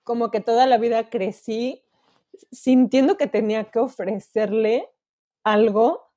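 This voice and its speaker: A woman's voice: on the high side, measured pace, mellow. A Mexican woman in her thirties, co-hosting a podcast in candid, emotional casual chat, swearing freely. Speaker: podcast co-host.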